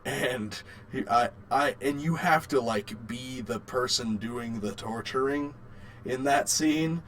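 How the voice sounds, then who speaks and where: A male co-host on a casual podcast discusses video games and films, taking it slowly in a mid-range, somewhat bright voice. He speaks informally with repeated words and occasional swearing, and there's slight background noise.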